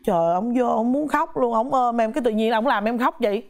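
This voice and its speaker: Lively young woman. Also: a little high, brisk. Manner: lively, laughs often, acts out quoted voices. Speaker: guest mother telling her birth story. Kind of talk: animated talk show storytelling.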